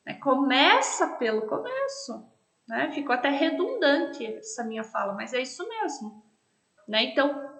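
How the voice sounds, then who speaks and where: A Brazilian woman from Paraná teaches a recorded class, explaining point by point. Her voice sits high and carries a gravelly edge. The room around her sounds echoey. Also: fairly bright tone. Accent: Brazilian Portuguese, Paraná. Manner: explanatory, frequent tag questions "né?". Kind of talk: recorded online class lecture.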